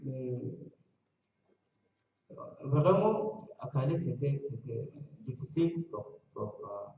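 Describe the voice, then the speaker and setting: A man gives his testimony slowly, in broken French with halting, unfinished phrases. He is heard from far off in a very echoey space, thin as a phone line. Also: medium pitch, very animated. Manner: halting, broken French of a non-native speaker. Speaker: refugee giving testimony. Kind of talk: personal testimony at a public meeting. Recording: very echoey, phone-like, distant, noisy.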